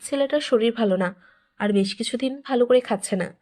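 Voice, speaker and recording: A woman voicing a worried middle-aged stepmother gently asking after her son. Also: a little high, a little fast, close to an everyday voice.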